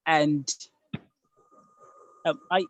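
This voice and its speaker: Man, hesitant, lots of ums, video call, higher voice, dry sound. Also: steady tone, very slow, no room sound, highs cut off. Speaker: mentee presenter. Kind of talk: online meeting presentation.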